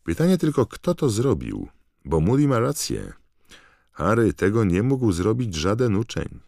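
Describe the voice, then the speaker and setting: A man's voice: on the low side, big pitch swings, measured pace, gravelly, a little mellow, dry recording, studio quality, voice pushed up, exaggerated voice. A man voicing a clever, earnest teenage schoolgirl witch who explains things patiently and insistently.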